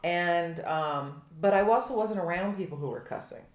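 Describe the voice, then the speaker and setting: Woman in her middle years, halting and self-deprecating, low voice, roomy echo. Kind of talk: casual chat. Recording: echoey room.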